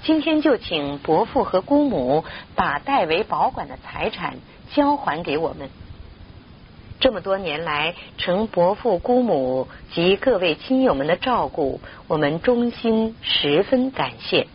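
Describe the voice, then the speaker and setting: A woman storyteller giving voice to a widowed mother who addresses her relatives in a solemn, measured way. Her fairly low voice moves through a lively pitch range. The sound is a little muffled, with a faint hiss.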